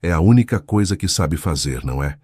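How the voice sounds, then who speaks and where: A man's voice: low voice, expressive, a little mellow, husky, dry recording, studio quality. A man reading a hurt, bitter young wife. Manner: bitter, accusing, measured. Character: hurt, guarded young wife confronting her husband.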